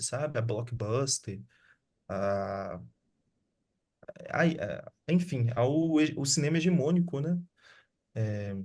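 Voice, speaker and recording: A man at a middling pitch. He chats easily over a video call, slangy and unhurried, circling back to restart his thoughts. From Sabará, Brazil. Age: 30s. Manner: relaxed, slangy, with frequent restarts. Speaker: guest filmmaker. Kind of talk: casual online conversation.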